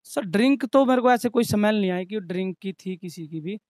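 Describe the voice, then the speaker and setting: Young male restaurant manager, high voice, aggrieved and earnest, dry close sound. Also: animated, brisk, a little mellow, no room sound. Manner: earnest, aggrieved, recounting in detail. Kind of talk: interview testimony.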